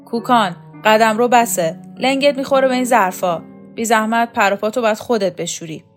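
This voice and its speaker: Lady voicing a bossy loud woman, scolding, barking at folks, audiobook. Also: fairly high pitch, animated, faint music behind, pitched above the performer's own voice, natural voice. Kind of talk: audiobook character voice.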